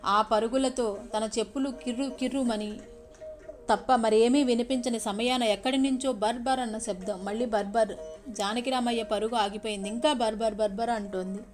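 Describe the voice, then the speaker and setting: A woman's voice: on the high side, steady tone, moderate pace, faint music behind. A woman telling a village story vividly, full of sound words, turning now and then to speak to her listeners. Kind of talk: story narration with asides to listeners.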